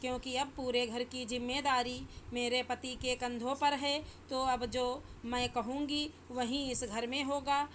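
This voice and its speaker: A sharp-tongued young daughter-in-law, as a woman storyteller voices her, scolding and dismissive in a storybook reading. The voice sits a little high and runs flat and even. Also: a little slow, few pauses, a little hiss or hum. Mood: scornful.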